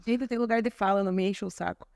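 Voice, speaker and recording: A woman co-hosts a podcast, talking fast and making her points emphatically. Her voice sits in a middle range, and the sound is dry and close. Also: mid-range voice, steady tone, vocal fry, darkish tone, no echo. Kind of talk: opinionated podcast conversation.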